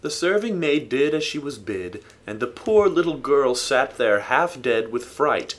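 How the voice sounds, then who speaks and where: A man narrating a folk tale in a steady, expressive storytelling manner. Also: mid-range voice, measured pace.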